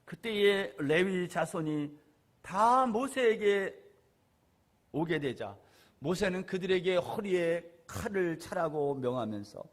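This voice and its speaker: A man pastor preaching a Sunday sermon, asking the congregation questions and moving between loud stresses and quiet asides. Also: sits high, lively intonation, slow pace.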